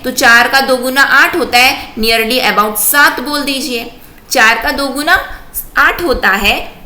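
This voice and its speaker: A woman's voice: high voice, sharp tone, roomy sound, slight background noise. An Indian woman teaching a grammar lesson for exam prep, asking questions and answering them herself while drilling sounds aloud.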